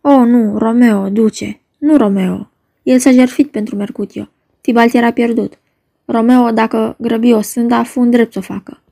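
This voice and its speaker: A woman's voice: on the high side, steady tone, vocal fry, dark tone. A woman reading as a pleading noble father. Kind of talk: dramatic reading of a play.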